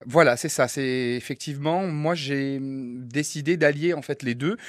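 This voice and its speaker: A man's voice: medium pitch, normal speed, no echo. Man, cabaret singer on the radio, earnest, lots of ums, dry studio sound. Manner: earnest, explaining at length with many hesitations. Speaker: radio guest, cabaret singer and quick-change artist. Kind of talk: radio interview answers. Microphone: studio microphone.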